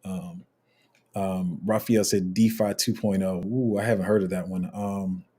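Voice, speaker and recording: A crypto livestream host with a low, slightly husky voice reads viewer comments aloud at a measured pace. His answers ramble loosely, full of ums and restarts, and he stays relaxed and conversational the whole time.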